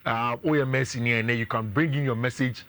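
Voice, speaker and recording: A man with a Ghanaian accent, a sports pundit giving energetic, analytical talk on a radio show and mixing in local phrases. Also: mid-range voice, fast talker.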